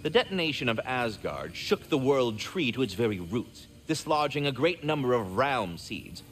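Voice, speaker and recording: A man with a mid-range, fairly bright voice and big pitch swings plays a courteous, fretful, erudite magical squirrel in a video game, using formal, wordy, theatrical phrasing. He speaks at normal speed, warm and grateful, over soft background music.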